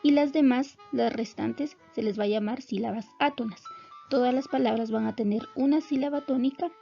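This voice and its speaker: Female teacher, slightly high voice with a gravelly edge, soft music behind, dull lo-fi sound. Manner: clear, measured explanatory delivery. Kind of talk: recorded classroom lesson.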